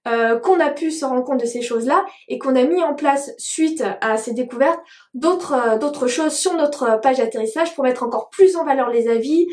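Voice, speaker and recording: A woman presents a digital marketing tutorial in a bright, high voice, talking in a chatty way with many small hesitations. Her voice rings out in a noticeably echoey room. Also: moderate pace. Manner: chatty, frequent hesitations with "euh". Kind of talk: tutorial explanation to camera.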